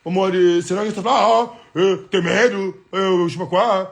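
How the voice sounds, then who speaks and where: A boastful man chats casually on a livestream from home, switching between Portuguese and French over faint background music. His high-pitched voice carries vocal fry, keeps a steady tone, and moves fairly quickly.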